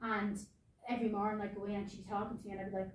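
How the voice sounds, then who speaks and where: An Irish woman in casual, unscripted chat, telling stories in an animated, chatty way as a podcast co-host. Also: medium pitch, rapid-fire, slight background noise. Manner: chatty, animated storytelling with quoted asides. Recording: echoey room, distant mic.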